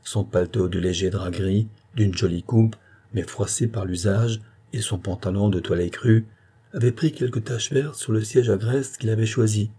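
A man reading a classic novel aloud in a calm, measured narration. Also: on the low side, husky. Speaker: audiobook narrator. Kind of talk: scripted narration.

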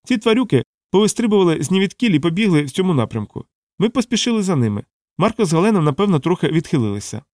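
A man voicing an angry, panicked male colonist hunter, pushed high and strained. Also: sing-song, rapid-fire, darkish tone, no room sound, clean studio sound. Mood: agitated.

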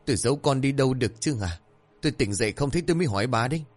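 A man's voice: medium pitch, animated, racing, husky, voice pushed up. A man voicing a frightened village father who recounts events and pleads urgently. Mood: panicked. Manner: urgent, panicked.

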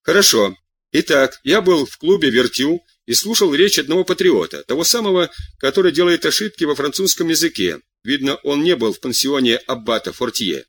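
A man voicing an eager, excitable young man who tells his news breathlessly and humbly. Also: a little high, a little fast, husky, no room sound, heavily acted.

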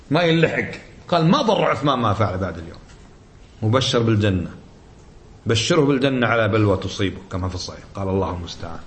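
A man's voice: fairly high pitch, vocal fry, a bit bright. A middle-aged man giving a religious lesson in colloquial speech. He exhorts his listeners and fires off rhetorical questions. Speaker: religious teacher.

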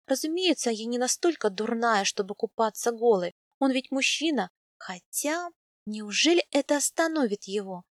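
A woman reading a first-person novel aloud in an even, intimate storytelling manner. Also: on the high side, no room sound, studio quality. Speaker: audiobook narrator. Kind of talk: first-person scripted narration.

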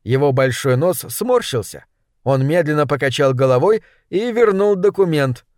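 A man reads a story aloud in a measured, even way, with a voice set a little high for a man. The sound is dry and close, with no room around it. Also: no room sound. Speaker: narrator. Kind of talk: audiobook story reading.

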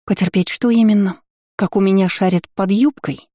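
A man voicing a tough, hot-tempered young woman who answers back in sharp, clipped retorts. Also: fairly high pitch, fast, no echo, clean studio sound, natural voice. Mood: defiant.

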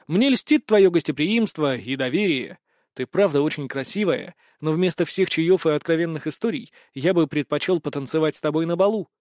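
A man voicing a brazen young nobleman who talks in a slow, mocking, menacing drawl. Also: fairly high pitch, darkish tone, no echo, studio quality, lightly acted.

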